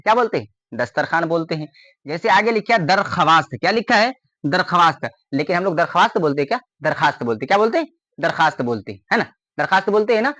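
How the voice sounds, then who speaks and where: A man's voice: high-pitched, a bit bright, dry recording, dull audio. A man teaching a grammar lesson, often repeating a question to his students and then answering it.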